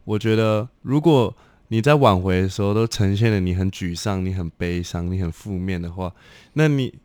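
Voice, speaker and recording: Low-voiced young man. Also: normal speed, a little mellow, no room sound. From Taiwan. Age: young adult. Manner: chatty, loose sentences with many fillers. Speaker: guest singer-songwriter. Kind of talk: casual chat.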